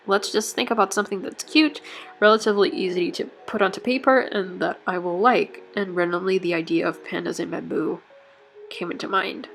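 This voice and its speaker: Speaking in a medium-pitched, fairly bright voice, this bullet journal vlogger talks casually through her journal setup. English isn't her first language, and she has a cold. Her chat is packed with fillers and self-corrections.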